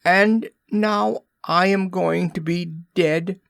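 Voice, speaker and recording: Guy doing a teeny fairy girl, way up high, bell-like and sharp, audiobook voice. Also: steady tone, slow pace, gravelly, clear, resonant tone, no room sound, studio quality, heavily acted. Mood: faint. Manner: sharp and shrill, fading to faint when poisoned. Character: tiny female fairy, fiery and impudent. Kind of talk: audiobook character voice.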